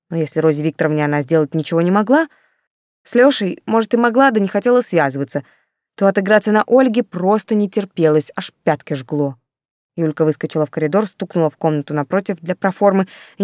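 Audiobook narrator: a woman, lively wry storytelling, dry close sound. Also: lowish voice, no echo. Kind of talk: scripted narration.

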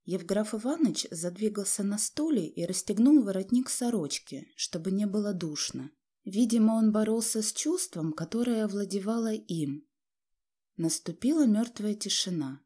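A woman reading a story aloud as an audiobook narrator, with a measured storytelling delivery. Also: mid-range voice, lively intonation, warm tone. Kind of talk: scripted narration.

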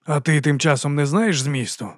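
A man's voice: a little high, normal speed, no room sound, clean studio sound, natural voice. A man voicing a weary, hard-drinking middle-aged watch captain in an audiobook, tired and resigned.

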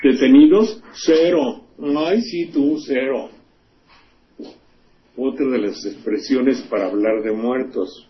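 A man's voice: mid-range voice, expressive, slow, long pauses. A man, hosting a radio commentary show, delivering indignant political criticism full of scornful rhetorical questions and profanity. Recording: dull lo-fi radio recording, faint hiss.

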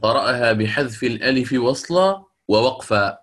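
A man's voice: mid-range voice, expressive, a bit bright. Patient male Quran recitation teacher. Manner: explains patiently, asks students questions, slows to recite verses. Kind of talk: classroom lecture on Quran reading rules.

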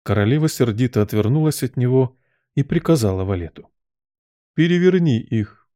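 A man reads a storybook aloud at a steady, even pace. His voice is dark and mellow, recorded dry and close with no room sound. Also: medium pitch, a little fast, no echo. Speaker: audiobook narrator. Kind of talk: storybook narration.

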